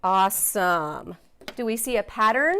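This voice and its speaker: Slow, patient woman teaching phonics. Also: medium pitch, lively intonation, bright, forceful tone, clear, resonant tone. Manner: slow, patient, encouraging, sounds out letters. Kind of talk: phonics lesson for young learners.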